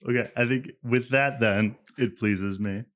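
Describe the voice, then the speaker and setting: A man narrating as game master in relaxed, descriptive casual speech, calling for dice rolls. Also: medium pitch, measured pace.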